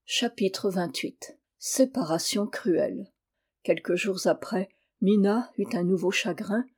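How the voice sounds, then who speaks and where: A mellow-voiced woman reading a novel aloud. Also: takes it slowly, husky. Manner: acts out dialogue, raising her voice for the young wife and lowering it for the husband. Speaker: audiobook reader. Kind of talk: scripted narration of a classic novel.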